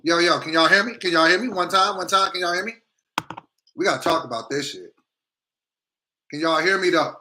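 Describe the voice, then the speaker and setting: A man with a fairly high, bright, punchy voice hosts a casual livestream. He talks with a grill on his teeth. His way of speaking is slangy, blunt and opinionated. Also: brisk, long pauses. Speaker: livestream host.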